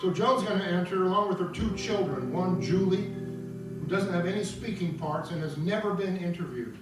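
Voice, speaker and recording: At an opera table read, a male narrator with a high-pitched voice reads scenes and stage directions from a scripted stage piece at a moderate pace. The recording is roomy and echoey from a distant mic, with loud plucked guitar music playing.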